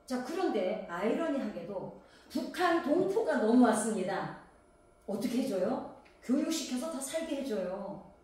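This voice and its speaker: Preaching in a conversational style, a woman from Gangwon Province, South Korea, peppers her congregation with rhetorical questions. Her voice is on the high side, sing-song and unhurried, with a dark tone. It comes from a distance in a very echoey hall.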